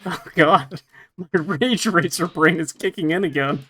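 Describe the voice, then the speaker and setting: A man's voice: fairly high pitch, measured pace, bright, forceful tone, husky. A man co-hosting a podcast, chatting casually while playing a retro fighting game, joking about himself, laughing and swearing now and then. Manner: self-deprecating, laughs often, swears casually. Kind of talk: casual gameplay chat.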